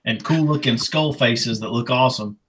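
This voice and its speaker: A man's voice: mid-range voice, normal speed, fairly bright tone, slight background noise, poor audio. A man chatting casually on a podcast, enthusiastic and rambling, swearing freely. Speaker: podcast co-host.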